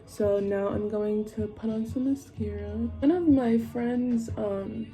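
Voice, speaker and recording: A young woman with a soft-edged, mellow voice vlogs casually while she gets ready. She rambles in a drifting stoner way, loose and sweary, with music playing faintly behind her. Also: fairly high pitch, steady tone, unhurried, poor audio. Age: young adult. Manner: informal, sweary. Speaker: vlogger. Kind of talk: casual get-ready-with-me chat to camera.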